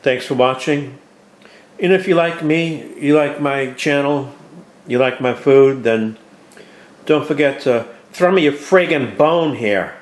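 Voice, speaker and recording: A man hosting a cooking video, chatting in a folksy, relaxed way while tasting his food. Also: medium pitch, measured pace. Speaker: cooking show host. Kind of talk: casual cooking vlog chat. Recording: roomy with faint clatter.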